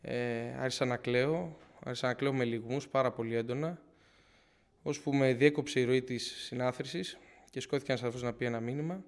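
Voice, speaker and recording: Earnest young man giving church testimony. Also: medium pitch. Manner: earnest, retells with frequent "I say" and restarts. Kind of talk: personal faith testimony to a congregation.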